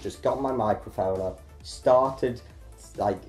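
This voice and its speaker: With a lowish, slightly mellow voice and a slow pace, a young man who makes films and hosts a channel talks casually about the behind-the-scenes of his movie, often poking fun at himself. The audio has a roomy echo and faint music.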